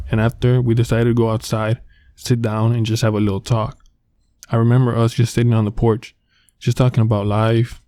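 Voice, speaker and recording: A man narrating true horror stories in a calm, even storytelling manner. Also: lowish voice. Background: faint background music.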